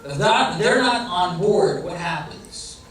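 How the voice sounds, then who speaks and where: In a large hall or center, a man of Iranian background gives a conversational religious lecture, frequently posing questions to the audience. His high, slightly bright voice is animated and slow-paced. The very echoey recording picks him up from a distance.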